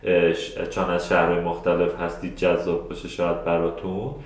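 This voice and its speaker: A man's voice: deep voice, level tone. A man teaching a live webinar, talking loosely with many filler sounds and restarts, speaking straight to his students and answering their questions. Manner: addresses the audience directly and answers their questions. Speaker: webinar instructor. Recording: very echoey room.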